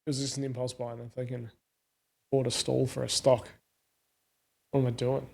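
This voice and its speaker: A man's voice: mid-range voice, level tone, normal speed, vocal fry, a little mellow, husky. A man with a broad Australian accent chatting casually, in a laid-back, colloquial and self-deprecating way. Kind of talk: casual car chat.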